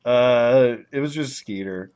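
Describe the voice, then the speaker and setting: A man co-hosting a podcast in casual chat, joking around and mumbling quietly while he draws. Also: medium pitch, slow pace, slight background noise. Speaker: podcast co-host and artist.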